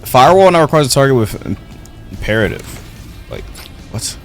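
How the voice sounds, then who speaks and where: A young man giving casual live gameplay commentary, slangy and profane as he thinks out loud. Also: mid-range voice, big pitch swings, brisk, creaky. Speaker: video game streamer. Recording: loud game music behind the voice. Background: video game music and effects.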